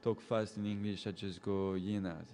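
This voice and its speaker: With a lowish voice at a moderate pace, the French-speaking safari guide keeps things easygoing and talkative. He reads viewer comments aloud, names the people who wrote them, and laughs frequently, while a little hiss or hum sits in the background.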